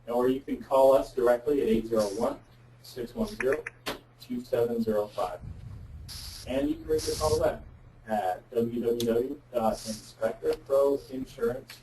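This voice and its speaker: This insurance representative, appearing as a guest expert on a web conference call, explains things candidly and plainly. His voice is mid-range with a darkish tone, and the recording is roomy, with a distant mic and faint background noise.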